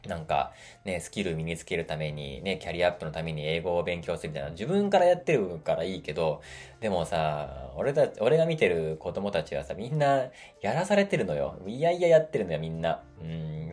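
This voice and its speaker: A man with a very low voice talks casually through a solo podcast episode. He is chatty and animated, and his voice jumps up when he acts out quotes. Soft music plays faintly behind him. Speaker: podcast host. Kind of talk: casual monologue.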